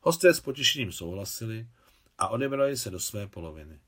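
A man narrating a novel, reading the dialogue lines in a higher voice for the women. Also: very animated, a bit bright. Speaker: audiobook narrator.

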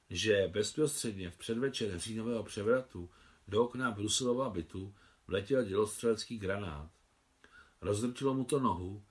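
A man reading aloud his own translation of a novel in a calm, measured storytelling manner. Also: lowish voice.

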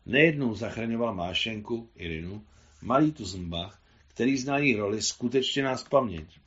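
Low-voiced man reading a novel. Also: expressive, fairly bright tone, dull audio. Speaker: translator reading his translation.

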